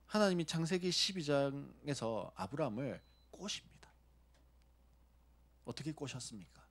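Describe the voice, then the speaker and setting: Guy preaching a sermon, slightly husky voice that swings up and down a lot, keeps asking the church questions. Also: mid-range voice, normal speed. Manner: lively preaching, acting out God's voice and asking the congregation questions. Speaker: pastor.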